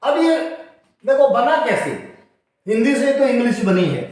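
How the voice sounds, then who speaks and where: Male teacher, high lively voice, slow careful explaining, spells words out, very echoey room. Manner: explains step by step with repeated examples and spelled-out words. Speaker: English teacher. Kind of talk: spoken classroom-style lesson.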